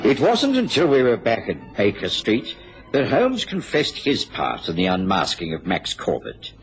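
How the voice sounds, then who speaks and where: Doctor Watson, very expressive narrator. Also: male voice, on the low side, measured pace, soft background music, full character voice, poor audio. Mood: wry. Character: loyal, mildly reproving gentleman companion narrating. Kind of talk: radio drama narration.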